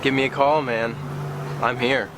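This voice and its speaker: A man answering interview questions in a relaxed, plain way. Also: mid-range voice, a little slow, background noise.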